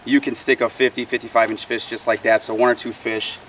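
A man's voice: mid-range voice, flat delivery, fairly quick, a bit bright. A man hosting a fishing tournament, giving an upbeat introduction to camera outdoors on a lakeshore. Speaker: tournament host. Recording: distant outdoor voice, faint noise.

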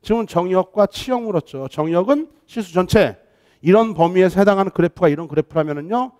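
A man teaching a math lesson online, lively and coaxing, often checking whether students follow and mixing polite and casual speech. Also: high-pitched, fast.

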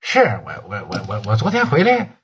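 A man's voice: medium pitch, wildly swooping pitch, normal speed, husky, voice pushed down, exaggerated voice. A man voicing a nervous, evasive businessman who stammers and pleads.

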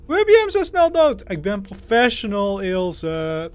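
A man giving playful, excitable let's-play commentary, talking to his in-game companion. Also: sits high, measured pace, a little hiss or hum. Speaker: gaming channel host.

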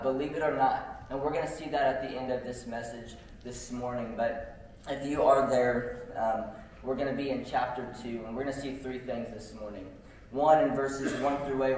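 A young man preaches in a relaxed, chatty way, filling his sentences with ums and likes as he tells stories. His voice rings through a very reverberant church hall and is picked up from some distance. A faint room hum sits behind him. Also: mid-range voice. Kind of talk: casual storytelling sermon. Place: church sanctuary.

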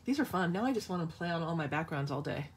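A woman's voice: fairly low pitch, lively intonation, fast talker, a little hiss or hum. A woman hosting a live craft demonstration, chatting casually and playfully as she answers viewers' questions. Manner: chatty and playful, thinks aloud with restarts.

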